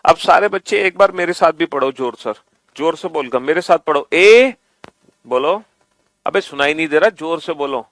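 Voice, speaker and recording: High-voiced Hindi teacher, dry close sound. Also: male voice, a little fast, fairly bright tone, no echo. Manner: coaxing, repetitive, calls students beta. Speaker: reasoning teacher. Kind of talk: online class lecture. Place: online class.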